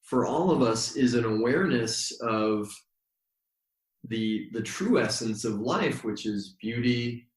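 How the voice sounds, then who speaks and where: A man who is a yoga teacher and guest, telling stories in a thoughtful, unhurried way with many pauses. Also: medium pitch, animated. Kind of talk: relaxed storytelling in conversation. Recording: roomy echo.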